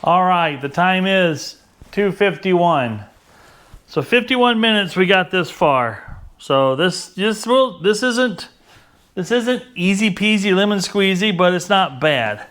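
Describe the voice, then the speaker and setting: A man's voice: sits high, animated, slow pace, a bit bright, soft background music. A man talking casually while working on a motorcycle, explaining each step in a plainspoken, wry and slightly exasperated way. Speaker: home mechanic. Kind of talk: casual how-to commentary. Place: backyard garage workspace.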